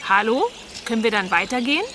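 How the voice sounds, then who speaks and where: A brisk young woman hiker who gets cross fast in a children's radio play. Her voice sits high and moves a lot. Faint outdoor ambience is heard behind her. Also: sing-song, noisy background.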